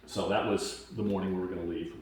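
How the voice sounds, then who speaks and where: A man from Washington state gives a camp testimonial as casual, halting storytelling with many fillers, growing lively as he retells events. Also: low voice. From Washington state, USA. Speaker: camp attendee giving a testimonial. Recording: very echoey, distant mic, faint noise.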